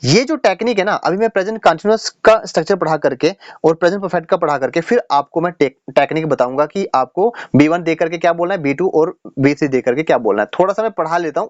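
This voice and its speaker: A man's voice: a little high, no room sound, dull audio. A man teaching English grammar in a casual, chatty classroom style, repeating his points and checking in with the students often. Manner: chatty, repeats points with "dekho yaar" and "theek hai na".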